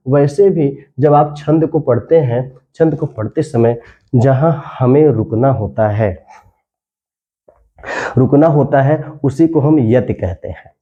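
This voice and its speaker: A man teaching a grammar lesson, explaining slowly with many repeated phrases and drawing out verse lines as he chants them. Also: on the high side, warm tone, lo-fi sound.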